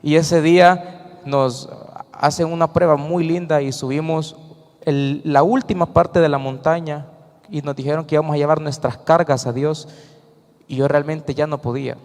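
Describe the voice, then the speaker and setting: Salvadoran man, slightly high voice, earnest church testimony, reverberant hall. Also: steady tone, moderate pace, a little mellow. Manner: earnest, storytelling with acted quotes. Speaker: church member giving testimony. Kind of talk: emotional personal testimony to a congregation.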